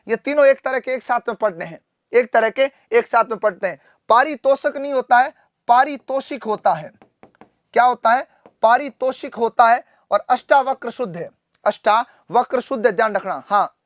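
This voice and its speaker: A male teacher runs a live online class, quizzing students, repeating each answer and calling them "beta". He clears his throat often. The sound is close and dry. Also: very high voice, fairly bright tone, no echo. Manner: addresses students fondly as "beta". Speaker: Hindi teacher.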